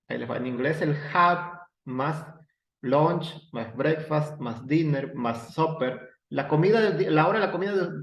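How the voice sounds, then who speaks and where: A man's voice: a little high, creaky. A man with a Mexican accent teaching English grammar, explaining step by step with digressions and self-corrections. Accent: Mexican Spanish. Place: room with a whiteboard. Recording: echoey room, dull lo-fi sound.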